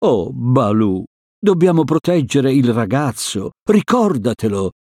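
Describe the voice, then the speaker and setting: A man voicing a cautious, stern male panther who scolds in a measured way. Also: mid-range voice, very animated, darkish tone, slightly rough, no echo, clean studio sound.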